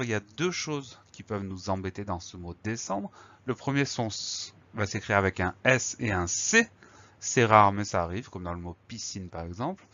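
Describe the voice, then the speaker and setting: A male teacher giving a spelling lesson, calmly explaining each word and spelling it out letter by letter. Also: mid-range voice. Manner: patient, spells words letter by letter. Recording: slightly dull lo-fi recording.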